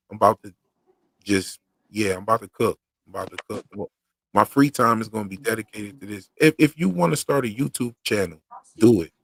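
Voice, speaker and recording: A man with a lowish, gravelly, slightly bright voice hosts a livestream on his own YouTube channel, and the audio has no room sound. He chats casually in slang with a loose rhythm and mentions that he used to stutter heavily.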